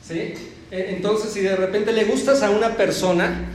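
A man's voice: high voice, steady tone, moderate pace. A man with a Mexican accent giving a playful, joking lecture as a therapist and speaker, acting out little voices as he explains. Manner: playful, jokey, acts out quoted voices. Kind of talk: motivational lecture. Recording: echoey hall.

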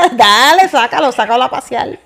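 A woman's voice: high voice, animated, moderate pace, creaky, fairly bright tone. A young woman with a Puerto Rican accent co-hosting a casual chat, teasing her partner and laughing often. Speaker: podcast co-host.

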